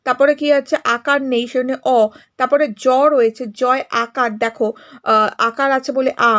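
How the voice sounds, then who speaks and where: High-voiced woman teaching a grammar lesson. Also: steady tone, normal speed, fairly bright tone.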